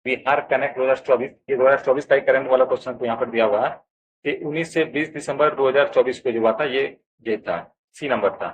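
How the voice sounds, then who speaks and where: The recording is muffled, and the man's medium-pitched voice has a breathy edge as he talks fast in a Bihari Hindi accent. He's walking viewers, whom he calls friends, through an exam answer key, steadily explaining each option.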